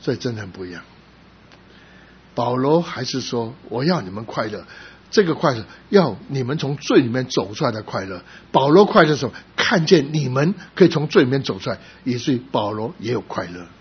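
A man's voice: medium pitch, sing-song, a little fast, husky. Emotional man preaching a sermon. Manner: emotional storytelling, rising to loud emphasis then dropping soft. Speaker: pastor. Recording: slightly dull recording with faint background noise.

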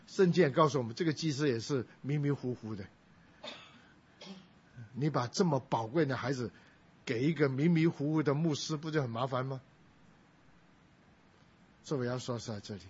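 A man's voice: medium pitch, darkish tone, slightly rough. A middle-aged male pastor preaching a sermon, telling a family story and raising his voice when he quotes people. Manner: storytelling, quoting others in a raised voice. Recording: dull lo-fi recording.

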